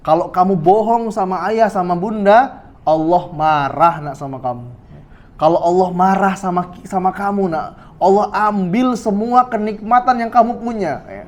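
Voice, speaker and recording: A man's voice: sits high, moderate pace, highs cut off, natural voice. A male preacher acting out a parent warning a small child, coaxing and threatening by turns.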